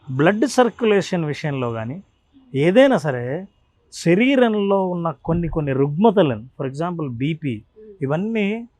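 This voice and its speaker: ఒక పురుషుడు ధ్యాన గురువుగా, ఆరుబయట ప్రకృతిలో ఇంటర్వ్యూలో ఒక్కొక్క అంశాన్ని శ్రద్ధగా వివరిస్తున్నాడు. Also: male voice, on the high side, no room sound. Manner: earnest, lists points one by one. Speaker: meditation mentor. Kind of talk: explanatory interview talk. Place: outdoors in nature.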